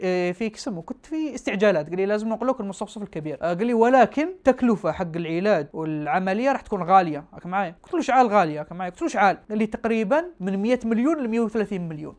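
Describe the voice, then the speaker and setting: Fast-talking young Algerian storyteller. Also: male voice, high voice. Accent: Algerian Arabic. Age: 20s. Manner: animated, fast, swings from hushed fear to loud indignation. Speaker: vlogger. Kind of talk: storytelling monologue to viewers.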